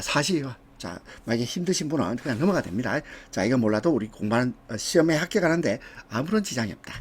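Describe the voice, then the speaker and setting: A man with a husky, slightly rough voice gives an exam prep lecture. His pitch moves a lot as he stresses numbers and terms. He goes through each answer step by step and breaks off for casual asides.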